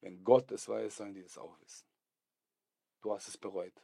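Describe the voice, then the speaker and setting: A man's voice: lowish voice, steady tone, normal speed, creaky, breathy edge, dry recording, clean studio sound. Slangy man telling a story. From Serbia. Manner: street slang, swings from hushed whispers to loud bursts. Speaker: guest telling his life story. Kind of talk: animated storytelling in a podcast interview.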